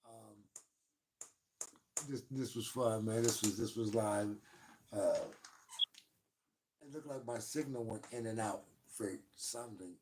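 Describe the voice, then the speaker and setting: A man's voice: takes it slowly, long pauses, background noise. Male host, laid-back, repeats himself; heard through a distant phone line with uneven volume cutting in and out. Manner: easygoing, repeats short phrases. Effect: volume dropping low and surging back in and out. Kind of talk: casual live-stream chat.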